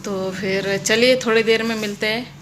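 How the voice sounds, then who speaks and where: A woman's voice: mid-range voice, steady tone, moderate pace, noisy background. A young woman with a Rajasthani Hindi accent, vlogging at home and chatting casually to the camera. She tells a story at length with many restarts, and she has back pain.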